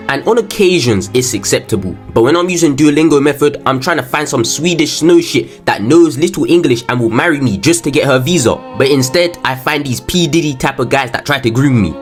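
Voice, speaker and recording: A man from the UK doing a casual, joking, crude comedic roast monologue. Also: medium pitch. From United Kingdom. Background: background music.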